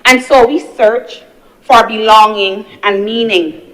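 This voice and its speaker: In the senate chamber, a young adult woman senator from Barbados delivers an earnest parliamentary speech, building her points with repeated phrases. Her mid-range voice is steady, slow and a bit bright, and the recording is rough.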